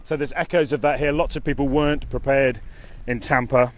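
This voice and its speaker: A man giving an earnest, halting, unscripted live news report outdoors in a storm, speaking into a phone. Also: medium pitch, fairly even intonation. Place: outdoors near a hotel in a storm. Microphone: phone held by the speaker. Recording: noisy outdoor wind and rain. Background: storm ambience.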